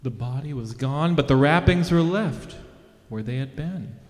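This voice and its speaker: A man's voice: mid-range voice, measured pace. A man co-reading a dramatized scripture passage, restating each line in his own words. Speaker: co-reader. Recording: long hall reverb.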